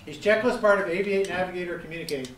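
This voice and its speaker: A man's voice: high voice, fast. Middle-aged male instructor quizzing a room. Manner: quizzing the audience, emphatic repetition. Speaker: gliding safety instructor. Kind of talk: interactive seminar lecture. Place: seminar room. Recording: echoey room, distant mic, faint background noise.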